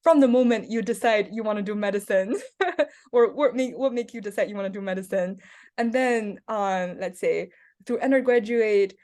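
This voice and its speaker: The host, a young adult woman from China who co-presides over a student club, runs a casual Q&A on a video call. Her medium-pitched, slightly mellow voice moves at a moderate pace, full of hesitation and fillers.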